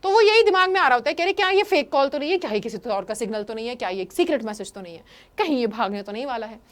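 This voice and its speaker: Young female teacher with a high voice, retells a story chapter in a conversational way. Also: animated. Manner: reads English lines slowly, then explains in quick Hindi. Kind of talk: Hindi-English chapter explanation.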